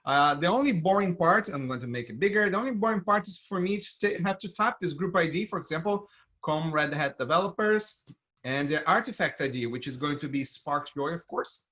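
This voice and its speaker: Here the Brazilian-accented presenter sounds fairly high and expressive, talking a little fast with a sharp edge. As a developer advocate, he leads an enthusiastic live coding demo in his tech talk. The audio comes from a video stream and is dull and band-limited.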